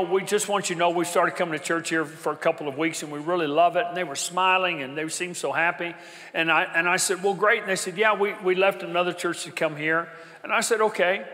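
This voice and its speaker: A man preaching a sermon as pastor, with an emphatic, repetitive cadence that builds to shouting. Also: high voice. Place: church sanctuary. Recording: reverberant church hall.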